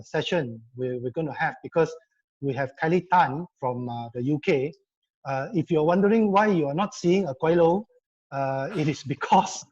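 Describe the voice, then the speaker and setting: A man introduces a guest on a live online panel, his voice sitting a little high. He hesitates often, filling gaps with fillers and restarts. The video call audio is dull and lo-fi. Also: darkish tone. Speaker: panel speaker, law association member.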